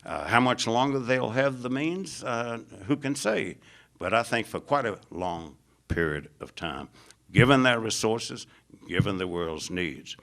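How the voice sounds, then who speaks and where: The speaker is an American man at a public foreign-policy lecture, emphatic and fond of piling up lists that climb in pitch, with frequent "uh"s. His intonation is lively, his pace a little slow, and his slightly bright voice has vocal fry.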